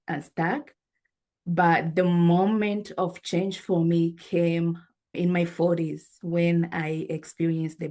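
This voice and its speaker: With a fairly low, somewhat mellow voice, a woman from Rwanda in her forties shares her life story in an interview. Her manner is earnest and thoughtful, and she pauses with fillers.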